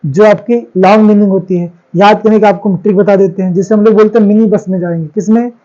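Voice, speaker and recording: A man teaches a grammar class in a high, mellow voice. He fires questions at the class and answers them himself, repeating each key word. The recording sounds dull and lo-fi. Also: steady tone, fast. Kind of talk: classroom lecture on English grammar.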